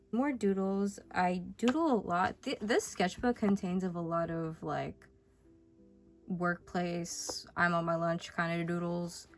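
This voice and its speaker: A woman's voice: fairly low pitch, gravelly. Young new girl, kinda sick, yapping about her sketchbook, rambly, keeps cutting herself off. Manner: chatty, rambling, self-interrupting. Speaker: vlogger. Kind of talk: casual rambling sketchbook tour.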